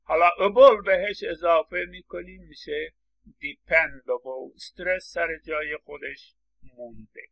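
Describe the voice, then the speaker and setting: Gravelly, bright male phonetics lecturer. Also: on the high side, lo-fi sound. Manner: explains patiently, stresses words and repeats examples. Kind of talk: recorded lecture.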